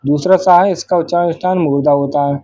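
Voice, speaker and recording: A man's voice: a little high, fairly even intonation, brisk, dark tone, dry recording, muffled recording. A man teacher going through exam questions one at a time, asking each question aloud and then answering it step by step. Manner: explains step by step, asks then answers his own questions. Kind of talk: exam revision lesson.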